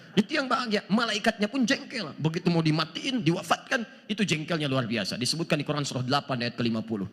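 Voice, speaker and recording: A male Islamic preacher giving a sermon to a live audience, animated, asking rhetorical questions and quoting scripture in Arabic. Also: a little high, fast, breathy edge. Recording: long hall reverb.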